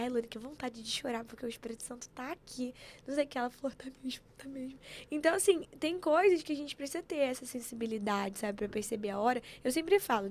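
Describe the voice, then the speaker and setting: A woman telling stories in an animated, preachy way, acting out quotes as she chats on a podcast. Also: sits high. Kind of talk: casual chat.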